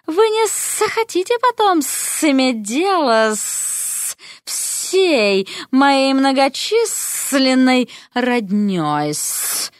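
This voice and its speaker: A woman voicing a sly, domineering snake matriarch who drawls slowly and hisses on her words. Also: high voice, big pitch swings, no echo, clean studio sound, voice pushed up, heavily acted. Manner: slow drawl, adds hissing "-s" to words. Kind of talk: audiobook character voice.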